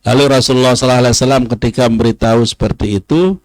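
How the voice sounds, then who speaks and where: A man, teaching a religious study session, who says Arabic phrases slowly and then explains them. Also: medium pitch, no room sound. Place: pesantren study hall.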